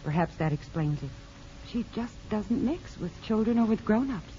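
An American woman plays a sympathetic, candid married aunt in a 1950s-style radio drama, speaking expressively and confidingly in a rueful mood. Her natural voice is mid-range and warm, delivered at normal speed. The recording is a muffled old broadcast with a little hiss or hum.

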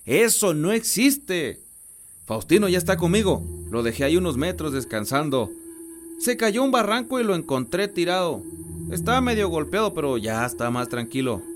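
A man with a Mexican accent acting a gruff rural uncle who is secretly the devil, calming his nephew in a coarse way in a radio drama. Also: a little high, normal speed, a little hiss or hum. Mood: soothing. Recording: drama with loud music score.

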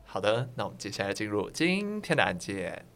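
A man's voice: fairly low pitch, very animated, a little fast, gravelly, music in the background. A man chatting casually as a podcast co-host. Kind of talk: casual chat.

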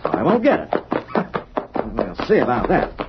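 An actor playing a slick, blustering Eastern mining swindler, the villain of an old-time radio western. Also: male voice, mid-range voice, wildly swooping pitch, a little slow, over loud music. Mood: thwarted, threatening. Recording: dull, noisy vintage radio recording.

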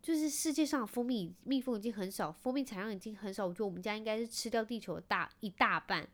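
A woman in her thirties with a Taiwanese Mandarin accent hosts a casual chat, spilling family stories at a brisk clip. Her tone is wry and self-mocking, and she drops English words in here and there. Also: medium pitch, a bit bright. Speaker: podcast host, mother.

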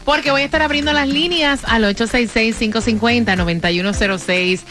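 A woman's voice: a little high, a little fast. A woman hosting a call-in radio show in a chatty, colloquial, playful way. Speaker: radio host. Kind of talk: casual call-in radio chat. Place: radio studio. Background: loud music.

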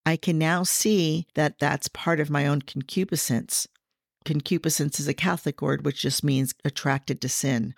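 A middle-aged woman hosting a faith podcast, sharing personal reflections in an earnest, gently teaching way. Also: low voice, no echo, studio quality. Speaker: podcast host.

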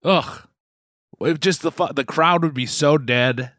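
A man's voice: fairly high pitch, a little slow, fairly bright tone, dry recording, clean studio sound. A man with a Boston accent co-hosting a casual podcast chat, rambling with repeated words and frequent laughs. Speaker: podcast co-host. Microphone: headphones, remote call.

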